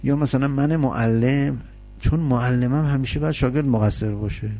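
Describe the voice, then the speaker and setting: A man preaches in a plain, conversational way, leaning on everyday examples and rhetorical questions. His voice is mellow and dark, with a gravelly, husky edge. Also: medium pitch. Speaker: religious lecturer. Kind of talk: conversational sermon.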